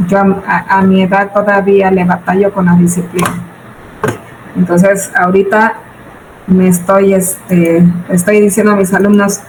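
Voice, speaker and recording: A woman in her forties with a Mexican accent, who teaches business budgeting, gives students an informal, didactic lecture structured as questions and answers. Her mid-range voice moves little in pitch and keeps a moderate pace, recorded with a roomy echo and background noise.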